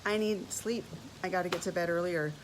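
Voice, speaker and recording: A woman's voice: on the low side, fairly quick, noisy background. Emotional woman in her fifties telling a story. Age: 50s. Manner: animated, emotional storytelling with repeated words. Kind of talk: personal testimony vlog.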